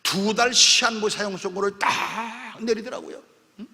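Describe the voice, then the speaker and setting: Pastor, male, high bright voice, emotional revival storyteller; long church-hall reverb. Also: fairly even intonation, normal speed, gravelly. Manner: emotional, often tags lines with a questioning "eh?"; acts out dialogue voices while telling stories. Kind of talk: revival sermon with dramatic storytelling. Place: large church sanctuary at a revival meeting.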